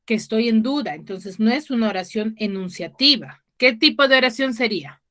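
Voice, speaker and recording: A woman's voice: fairly high pitch, expressive, normal speed, fairly bright tone. A woman teacher giving an online class over a video call, explaining patiently and often checking in with her students.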